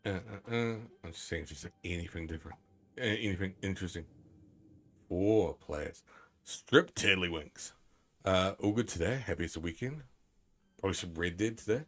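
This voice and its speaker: A man's voice: deep voice, moderate pace, a bit bright. A man streaming a game live, chatting in a rambling, profane, self-mocking way. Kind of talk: casual live-stream commentary.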